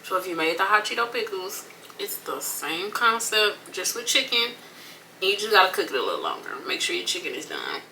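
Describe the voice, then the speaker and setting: American woman, bright forceful voice, casual mukbang chat, eating crunchy fried chicken, folksy phrasing, slightly distant mic with faint noise. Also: medium pitch, very animated, a little fast, gravelly. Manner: folksy, colloquial, repeats phrases for emphasis. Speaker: mukbang vlogger.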